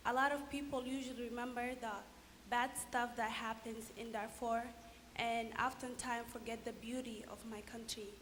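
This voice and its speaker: A woman's voice: a little high, flat delivery, fairly bright tone. Young woman from Sudan reciting poetry. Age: young adult. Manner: heartfelt, slow and deliberate in the poem. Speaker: chorus member reciting a poem. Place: large concert hall. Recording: reverberant hall, faint hiss.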